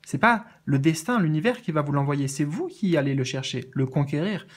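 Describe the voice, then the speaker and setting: A man's voice: a little high, lively intonation, moderate pace. Hesitant man reading cards. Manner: hesitant, many fillers and restarts, gentle and earnest. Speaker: medium reading oracle cards. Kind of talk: casual spiritual card reading.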